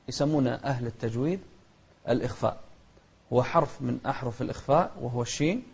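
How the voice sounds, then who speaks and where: Mellow-voiced Gulf Arabic recitation teacher. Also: male voice, mid-range voice, slightly rough, muffled recording. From Kuwait. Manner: explains rules, then chants verses slowly and melodically; corrects mispronunciations by contrast. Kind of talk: tajweed lesson for children.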